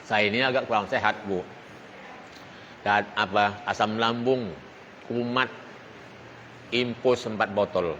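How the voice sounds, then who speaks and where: A man's voice: fairly low pitch, fairly even intonation, a little slow, long pauses, a bit bright, muffled recording, a little hiss or hum. A man talking casually and chattily to a gathered audience, laughing easily.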